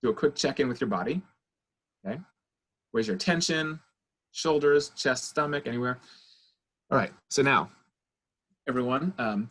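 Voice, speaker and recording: Husky-voiced man coaching breathing exercises. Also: mid-range voice, a bit bright. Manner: coaching, counting the audience through exercises. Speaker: child therapist leading a parenting webinar. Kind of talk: guided breathing instruction and lecture. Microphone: video call.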